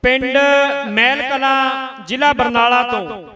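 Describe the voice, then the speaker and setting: A man's voice: very high voice, steady tone, measured pace, bright, forceful tone, distant mic. A man announcing groups and speakers at a rally stage in a formal, courteous way.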